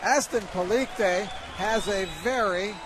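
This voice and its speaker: High-voiced male boxing commentator. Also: slow, a crowd in the background, noisy background. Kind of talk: live fight commentary and replay analysis.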